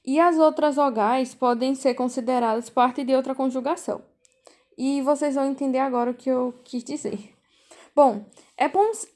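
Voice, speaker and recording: A woman teaching a language class over a video call, explaining slowly and patiently, repeating key points and checking in with the students. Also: sits high, a little mellow. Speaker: volunteer teacher.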